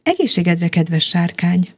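A woman voicing a kind, patient young woman in a children's story, speaking softly and coaxingly in a raised, slightly gravelly voice. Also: on the low side, big pitch swings, exaggerated voice. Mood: gentle. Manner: soft and coaxing.

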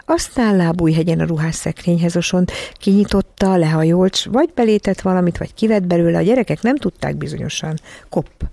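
An audiobook narrator giving a scripted storybook reading in an even, measured way. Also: mid-range voice, creaky, dry recording.

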